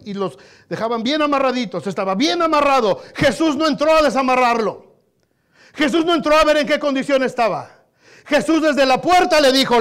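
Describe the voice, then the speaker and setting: A male pastor preaching a sermon with passion, dropping to hushed tones and then rising loud, and often calling his listeners brothers. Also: extremely high pitch.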